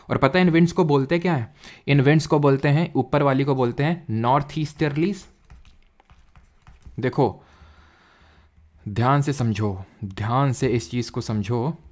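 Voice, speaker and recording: A man teaching an exam-prep geography lesson, explaining while he draws and repeating key terms. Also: mid-range voice.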